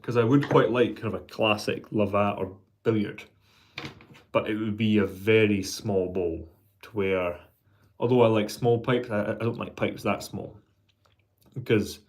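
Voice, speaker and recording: A man with a fairly low voice talks casually to his viewers as a hobbyist pipe maker. He speaks haltingly, thinking aloud and doubling back on words as he goes. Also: a little mellow. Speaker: pipe maker hosting a vlog. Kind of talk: casual, rambling hobby vlog chat.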